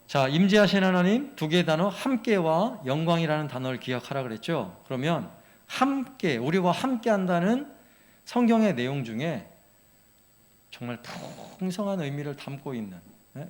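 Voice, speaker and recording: A man's voice: on the high side, big pitch swings, moderate pace. A man, a church pastor, teaching a Bible memorization lesson and often asking the congregation questions. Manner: engaging, asks congregation questions.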